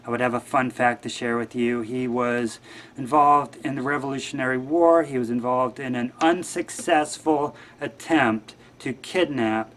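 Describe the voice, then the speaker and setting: A man's voice: medium pitch, steady tone, moderate pace, a bit bright, slight background noise. A man guest-hosting a show, talking in a rambling, wry and offhand way. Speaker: guest host. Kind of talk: casual monologue.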